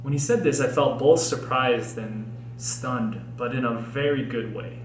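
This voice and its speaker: This is an American author and podcast host from Minnesota reading his personal writing audiobook-style. His mid-range voice comes across as earnest and expressive, and he phrases things deliberately. Faint background noise sits under a roomy echo.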